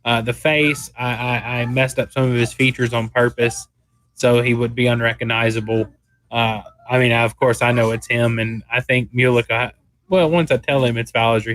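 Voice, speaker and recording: A man playing a tabletop game, describing things casually in a halting, explanatory way. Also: medium pitch, little pitch movement, fairly bright tone, no room sound.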